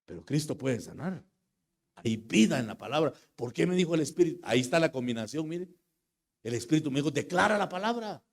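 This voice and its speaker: Impassioned pastor preaching. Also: male voice, medium pitch, lively intonation, a little fast, vocal fry. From Guatemala. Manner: swings from hushed storytelling to loud shouted praise. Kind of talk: sermon.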